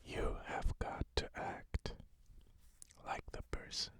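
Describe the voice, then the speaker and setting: A person whispering an ASMR pep talk of positive affirmations, repeating short phrases. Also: takes it slowly. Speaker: ASMR host.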